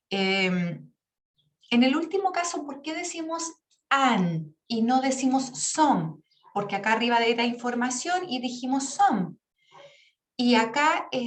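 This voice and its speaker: Patient teacher woman, echoey room. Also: on the high side. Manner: patient, checks in with frequent "¿ya?". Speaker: English teacher. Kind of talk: online class explanation.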